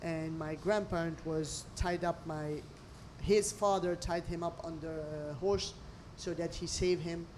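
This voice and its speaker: Lowish and a little slow, her voice runs on with hardly any pauses, over a faint hiss or hum. This middle-aged woman from Lebanon owns a restaurant and tells stories expressively in imperfect English during an interview over a meal.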